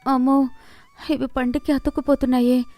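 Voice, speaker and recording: A woman voicing a timid young daughter-in-law in an animated story, speaking softly and pleadingly. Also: high-pitched, normal speed, no echo, pitched above the performer's own voice, lightly acted. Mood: whining. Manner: pleading, soft.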